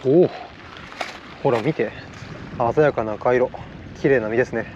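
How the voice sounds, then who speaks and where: A man's voice: mid-range voice, moderate pace, highs cut off, noisy background. A man with a slight Kansai accent, talking casually and cheerfully to the camera as a fishing vlogger outdoors, laughing often. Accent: slight Kansai dialect. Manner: upbeat, excitable, laughs often. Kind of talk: casual outdoor vlog narration. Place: outdoors on an island shore.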